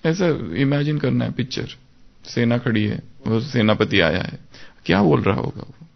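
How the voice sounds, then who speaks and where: Gravelly-voiced man teaching a devotional class. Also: medium pitch, moderate pace, dull audio. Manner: animated, acts out inner self-talk. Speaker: spiritual teacher.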